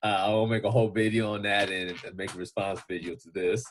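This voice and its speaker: A man's voice: lowish voice, steady tone, fast, slight background noise. A man in a casual podcast chat, talking hesitantly with many fillers and restarts. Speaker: podcast guest.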